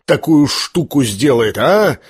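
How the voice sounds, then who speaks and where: A man's voice: mid-range voice, very animated, takes it slowly, breathy edge, no room sound, studio quality, exaggerated voice. A man reading an audiobook voices a wild, boisterous man who exults and swaggers. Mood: exultant. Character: wild, triumphant rough man.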